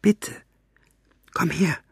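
A man's voice: high-pitched, sing-song, moderate pace, sharp tone, husky, dry recording, studio quality, voice pushed up, full character voice. A man reading aloud and voicing a frightened young girl who pleads urgently or whispers. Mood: whispering.

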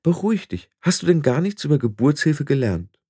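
A man voicing a sensible, sharp-tongued young witch who speaks in a firm, reproachful way for an audiobook. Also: on the high side, very animated, a little fast, slightly rough, no room sound, studio quality, pitched above the performer's own voice. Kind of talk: audiobook character voice.

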